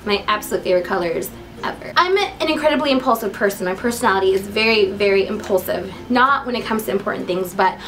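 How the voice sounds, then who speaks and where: A young adult vlogger with an American accent introduces herself in a casual, giggly, upbeat chat to camera. She talks fast in a medium-pitched, slightly bright voice, and the recording is low quality.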